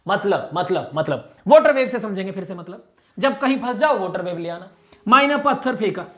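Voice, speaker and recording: Guy teaching physics revision, super animated, quizzes himself out loud, drags out the key terms slow. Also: high voice. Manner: animated, playful, asks and answers his own questions; repeats key phrases slowly in English. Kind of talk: energetic exam revision lecture.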